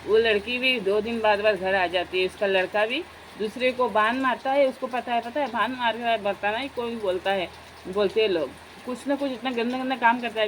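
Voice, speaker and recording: A woman's voice: a little high, slight background noise, rough recording. Chatty young woman talking to her viewers. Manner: chatty, addresses viewers as friends. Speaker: vlogger. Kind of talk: casual chat to viewers.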